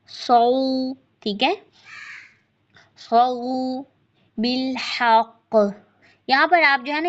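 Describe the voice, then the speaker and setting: A woman teaching a tajweed lesson, chanting verses slowly and then explaining each sound briskly. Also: fairly high pitch, dull audio. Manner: slow drawn-out recitation between brisk explanations. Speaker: Quran recitation teacher.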